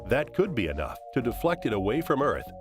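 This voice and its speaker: A man's voice: medium pitch, huge pitch swings, a little fast. A man narrating a scripted documentary in a dramatic, portentous way. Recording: music under the voice. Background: dramatic music.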